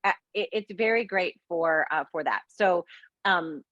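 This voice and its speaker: A woman's voice: on the low side, a little slow, fairly bright tone, no room sound, lo-fi sound. A woman presenting products in a chatty, frank talk full of fillers. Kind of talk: casual sales talk.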